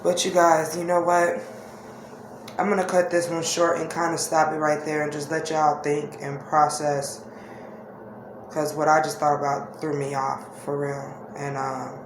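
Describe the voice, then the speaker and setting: A woman vlogger telling personal stories casually to her viewers, candid, halting and reflective. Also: low voice. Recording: echoey room with faint-to-clear background noise.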